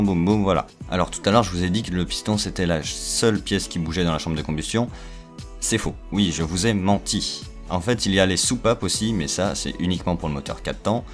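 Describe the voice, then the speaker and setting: A young man chatting through an engine explanation, full of fillers, restarts and joking asides. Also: sits low. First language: French. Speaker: video creator explaining engines. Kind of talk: casual technical explanation.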